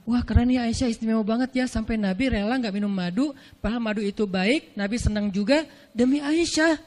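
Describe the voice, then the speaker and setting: A man's voice: very high voice, brisk. A male preacher telling a religious story in a chatty, slangy way, acting out the people he quotes. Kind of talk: casual storytelling sermon.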